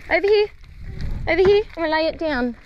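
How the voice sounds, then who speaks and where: A woman's voice: very high-pitched, animated, quick pace, dull audio. A cheerful, encouraging woman chatting casually with family at an outdoor bush campsite. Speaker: travel vlogger and mother.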